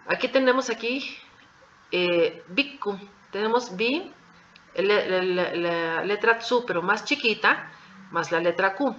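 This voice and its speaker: Woman, language teacher, patient, repeats examples, bright voice, muffled lo-fi sound. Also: medium pitch, slight background noise. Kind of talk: classroom explanation. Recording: dull lo-fi recording.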